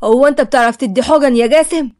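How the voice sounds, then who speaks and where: A woman voicing a calm elderly grandmother who speaks gently in a storybook reading. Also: high voice, rapid-fire, lightly acted.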